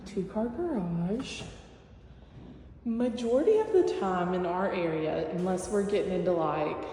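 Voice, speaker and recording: A woman's voice: fairly low pitch, lively intonation, unhurried, mellow. A woman working as a real estate agent, giving a casual room-by-room tour of a new house in a chatty, matter-of-fact way. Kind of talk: casual home-tour walkthrough. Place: empty new-built house, indoors. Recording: echoey empty rooms with long reverb, faint hum.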